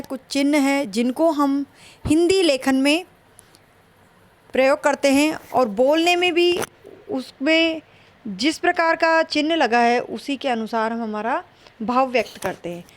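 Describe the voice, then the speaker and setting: A woman teaching a Hindi grammar lesson for an exam, slow and explanatory, repeating her points. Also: sits high.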